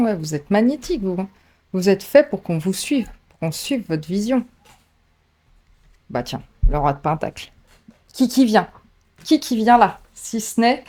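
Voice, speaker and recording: A woman's voice: mid-range voice, a little mellow. Chatty woman giving a tarot reading. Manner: chatty, laughs at herself, many fillers. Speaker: tarot reader. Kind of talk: casual tarot reading to camera.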